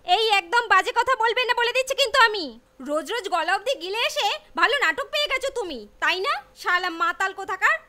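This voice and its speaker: A woman's voice: very high-pitched, lively intonation, fairly quick, bright, forceful tone, exaggerated voice. A woman playing a fed-up, hard-working wife and mother in a melodramatic short film. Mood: fed up, angry.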